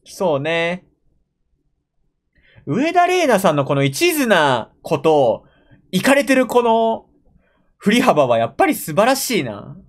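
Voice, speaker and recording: This high-pitched young man from Japan swoops wildly in pitch, speaking slowly with long pauses. He's an anime reaction streamer seated in a gaming chair at home, muttering casual remarks and frequent exclamations to himself as he watches, recorded on a desk mic.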